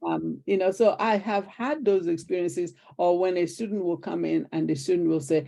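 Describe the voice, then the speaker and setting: With a gravelly, fairly low voice at a moderate pace, a retired Nigerian teacher in her older years recounts stories during an interview. She speaks with a Nigerian accent and brings conversations to life by performing the quoted lines.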